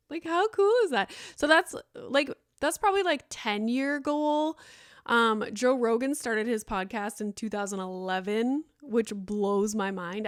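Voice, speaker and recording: A woman's voice: on the high side, no room sound, studio quality. A woman in her thirties hosting a solo podcast, talking in a chatty, rambling way with lots of "like" and fillers. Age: 30s. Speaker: podcast host.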